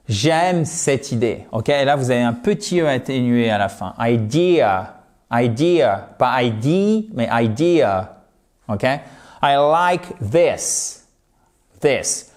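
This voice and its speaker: Slow, careful French-speaking male teacher. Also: mid-range voice, a little mellow. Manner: slow, patient, models English words with exaggerated care. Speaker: English teacher. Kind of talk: video lesson. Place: home.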